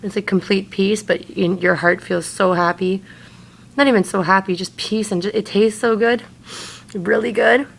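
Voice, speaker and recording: Creaky-voiced woman, hazy rambling recounting. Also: medium pitch, steady tone, moderate pace. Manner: slangy and sweary, heavy use of "like". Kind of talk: casual rambling personal talk to camera.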